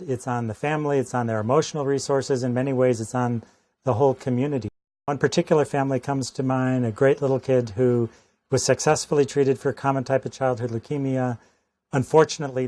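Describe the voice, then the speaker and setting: An American man, a doctor, gives a personal testimonial in a measured, earnest and articulate way. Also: medium pitch, a little mellow, no echo. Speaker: pediatric oncologist.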